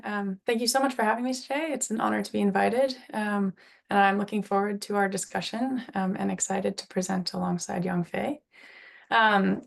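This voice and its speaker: A woman with a gritty, slightly hoarse voice that is partly giving out, giving an informal, explanatory scientific presentation. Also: mid-range voice. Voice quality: gravelly, gritty voice. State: slightly hoarse, losing her voice. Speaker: invited speaker, climate researcher.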